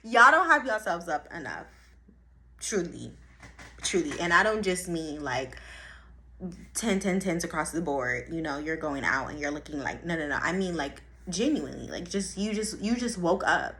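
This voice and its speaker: A young woman giving a casual motivational talk in a blunt, profane way, repeating her points and swinging between soft and loud. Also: on the low side, big pitch swings, moderate pace, a little hiss or hum. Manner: blunt and profane, with emphatic repetition. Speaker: vlogger.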